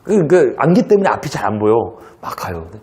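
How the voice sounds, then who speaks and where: In a lecture hall, a male teacher delivers a lively class, telling stories complete with sound effects and acted-out dialogue while tossing rhetorical asides at his students. His pitch is medium and he speaks fast.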